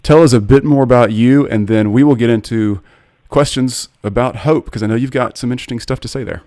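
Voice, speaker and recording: A man's voice: medium pitch, brisk, a little mellow, no room sound, studio quality. A man in his forties hosting a podcast interview, speaking in an earnest, personal and eager way. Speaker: podcast host.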